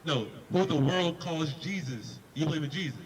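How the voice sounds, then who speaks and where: A man's voice: fairly high pitch, expressive, normal speed, rough recording. A man preaching on a city street, questioning a passerby in an emphatic debate and repeating words as he drives his point home. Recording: busy street crowd behind.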